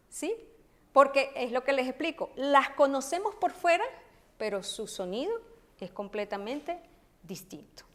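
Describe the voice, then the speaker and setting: A woman teaching a language lesson to an audience at a book launch, spelling out letters and repeating each word. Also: high-pitched. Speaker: teacher and author. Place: event room with an audience.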